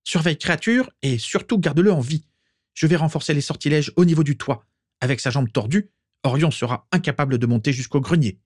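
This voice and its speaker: A man's voice: fairly high pitch, fairly quick, dry recording, studio quality, voice pushed up, close to an everyday voice. A man voicing a stern, commanding pure-blood mother in a storybook reading, giving orders with cold authority. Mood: curt. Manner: imperious, ordering.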